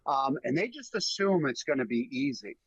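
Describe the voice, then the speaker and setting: A man guesting on a podcast, telling stories casually in an animated, emphatic way, often repeating words. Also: medium pitch, normal speed, breathy edge, no room sound, highs cut off. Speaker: guest, bear hunting guide. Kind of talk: casual storytelling.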